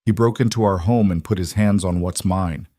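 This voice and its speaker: A man voicing a possessive, wounded male mafia boss who speaks quietly and intensely. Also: low-pitched, moderate pace, no room sound, clean studio sound.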